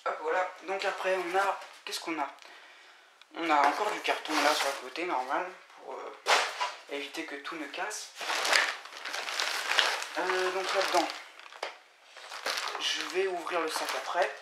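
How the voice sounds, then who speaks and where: A man giving a casual, halting unboxing commentary, full of fillers and restarts. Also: fairly high pitch. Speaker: vlogger unboxing scooter parts. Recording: echoey room with loud noise and crinkling.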